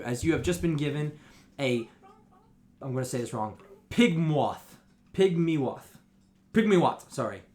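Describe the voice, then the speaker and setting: A man running a tabletop game as dungeon master, describing scenes and voicing people, a little high. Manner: lively, high-pitched character voices. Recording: echoey room, faint noise.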